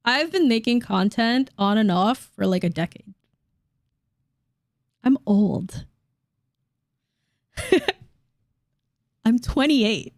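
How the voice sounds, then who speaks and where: A woman in her late twenties reacting to online comments in a casual vlog, blunt and quick to laugh, swearing casually. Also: a little high, lively intonation, no echo, studio quality. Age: late 20s. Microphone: dynamic studio mic.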